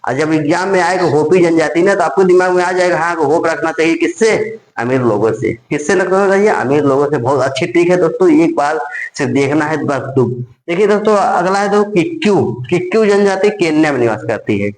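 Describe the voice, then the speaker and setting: Male tutor, mnemonic lesson, repeats and quizzes himself, slightly high voice, echoey room. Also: a little fast. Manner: repetitive, drills phrases over and over, asks and answers himself. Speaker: teacher. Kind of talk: exam-prep mnemonic lesson.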